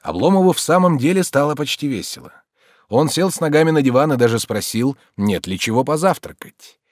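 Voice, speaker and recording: A man reading a classic novel aloud as an audiobook narrator, in an expressive, measured way. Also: medium pitch, dry recording, clean studio sound.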